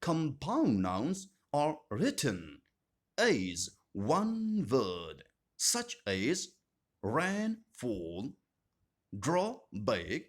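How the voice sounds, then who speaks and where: A man teaching an English grammar lesson, speaking slowly and deliberately and repeating each term with strong stress. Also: medium pitch, wildly swooping pitch. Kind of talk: scripted grammar lesson narration.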